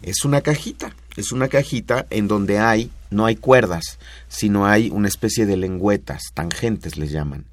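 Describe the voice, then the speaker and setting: As a music expert guest on a radio talk show, a man with a Mexican Spanish accent patiently teaches music history. His fairly low voice moves at a moderate pace, with no echo.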